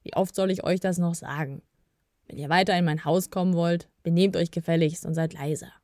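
A woman voicing a tired, stern male elf leader with a deep voice, in a storybook reading. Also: steady tone, fairly quick, darkish tone, dry recording, clean studio sound, natural voice.

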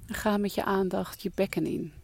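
A soft-spoken meditation guide leading a relaxation exercise in a calming, breathy voice that trails into whispers. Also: mid-range voice, fairly quick, slight background noise.

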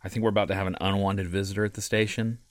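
A man's voice: low-pitched, flat delivery, racing, dry recording, natural voice. An actor playing a weary radio host who talks hesitantly and restarts his sentences. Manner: hesitant, apologetic, restarting often. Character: weary male late-night radio host.

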